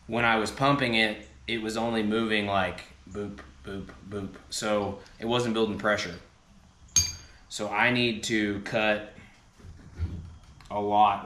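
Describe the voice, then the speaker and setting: On the low side and a bit bright, this man's voice belongs to a garage-channel host working at and under a car in his home garage. He rambles casually as he wrenches, cracking jokes at his own expense.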